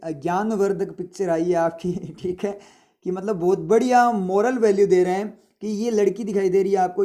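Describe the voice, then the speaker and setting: A man's voice: sits high, dark tone. A man from India teaching vocabulary, explaining words over and over and often checking that students follow. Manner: repetitive explaining with frequent rhetorical checks. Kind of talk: vocabulary lesson with motivational asides.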